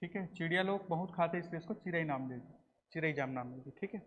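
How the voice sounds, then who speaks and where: Male teacher, slightly high voice, quizzing the class in a long-echo room on a dull recording. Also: quick pace, a little hiss or hum. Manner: quizzes the class, repeats answers, says "ठीक है" often. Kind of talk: classroom lecture.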